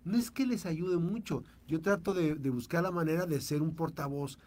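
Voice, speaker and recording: A man with a Mexican Spanish accent interviews a guest, his voice a little higher than most men's. He winds through long questions with plenty of fillers and pushes the pitch up when he presses a point. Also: moderate pace, a little mellow, a little hiss or hum. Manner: long rambling questions, rising emphasis.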